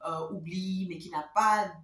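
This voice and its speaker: A woman host casually telling a story to her viewers, chatty and lively, repeating words for emphasis. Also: fairly low pitch, measured pace, reverberant, distant mic.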